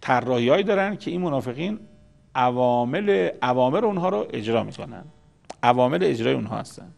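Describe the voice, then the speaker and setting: Casting: male religious lecturer, gravelly voice, patient and explanatory, mid-range pitch. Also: expressive, darkish tone. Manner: explanatory, repeats key words. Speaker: Quran commentator.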